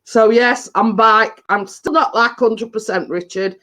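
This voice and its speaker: Sharp-toned and high, with fairly even intonation and a measured pace, this Yorkshire livestream host chats ramblingly to his live viewers in strong dialect. He's getting over a cold and chest infection, sounding chesty and blocked up.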